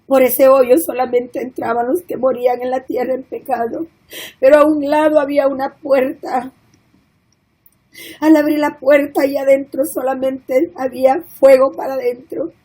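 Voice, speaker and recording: A woman's voice: high-pitched, level tone, moderate pace, warm tone, low-quality recording. A woman telling a spoken religious testimony in an earnest, emotional way, tearful at times. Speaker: woman giving a church testimony.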